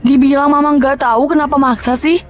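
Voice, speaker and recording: A woman plays a stern middle-aged mother who scolds in a high, firm voice. Faint music plays behind her. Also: fairly even intonation, a little fast, lightly acted. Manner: scolding, stubborn.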